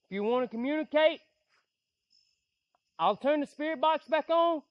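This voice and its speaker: A frightened man filming a ghost-hunting vlog alone outdoors in the woods at night. He speaks on a handheld camera, shifting between hushed, shaky asides to his viewers and loud calls out to a spirit. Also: very high voice, expressive, normal speed, no echo, highs cut off. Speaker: paranormal investigator vlogger.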